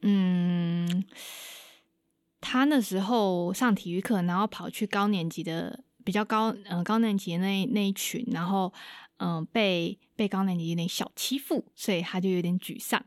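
A woman's voice: mid-range voice, moderate pace, dry recording, clean studio sound. A young woman, a guest on an interview show, animatedly retelling an experience and acting out the dialogue. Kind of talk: casual storytelling in an interview.

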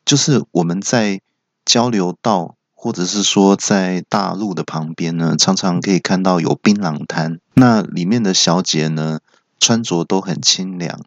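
A man from Taiwan, hosting a comedy podcast and telling self-mocking stories in a deadpan way. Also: deep voice, a little slow, dry recording, highs cut off. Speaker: podcast host. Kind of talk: comedy monologue.

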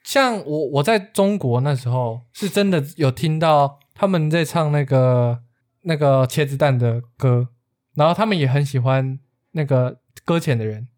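A man's voice: mid-range voice, moderate pace, darkish tone. A man with a Taiwanese accent hosting a podcast, explaining things casually in an easygoing, jokey way. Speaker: podcast host.

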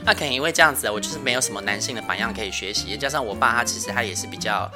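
A male podcast host with a soft, thin voice, chatting casually and laughing often with light self-mockery. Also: medium pitch, very fast, over music. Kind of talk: casual family chat.

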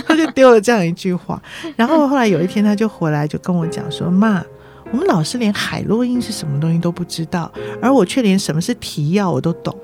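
A middle-aged woman with a Taiwanese Mandarin accent, a nursing director guesting on a podcast, telling lively stories, acting out dialogue and laughing often. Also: mid-range voice, a little fast, faint music behind. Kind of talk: podcast interview.

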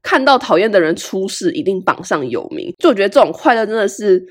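A young woman, hosting a podcast and telling a personal story in a candid, casual way. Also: fast. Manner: candid and animated, with big swings in pitch. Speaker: podcast host.

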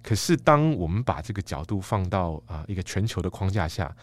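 Man, middle-aged, Taiwanese Mandarin accent, low voice, dry close sound, measured explanatory guest, many "ah" fillers. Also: sing-song, dry recording. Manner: measured, thoughtful, frequent "ah" fillers. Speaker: guest, book editor-in-chief. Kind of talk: explanatory interview talk.

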